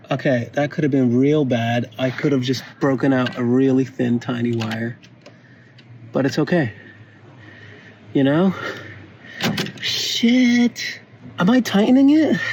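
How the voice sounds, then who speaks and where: A man's voice: medium pitch, dark tone, a little hiss or hum. A man filming himself repairing his car, talking casually and joking at his own expense, swearing often. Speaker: DIY car vlogger. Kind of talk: casual self-filmed repair commentary. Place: working on a car, on the floor.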